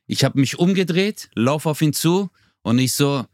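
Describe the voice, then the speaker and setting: A man's voice: on the high side, moderate pace, no echo. Podcast guy hyped up telling a story, lots of laughing, dry close mic. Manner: animated, acts out quotes, laughs often. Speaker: podcast co-host. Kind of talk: casual chat, storytelling.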